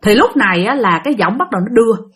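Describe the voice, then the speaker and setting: A woman narrating a ghost story in a lively, chatty way, talking straight to her listeners. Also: on the high side, quick pace, husky. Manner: animated, addresses listeners directly.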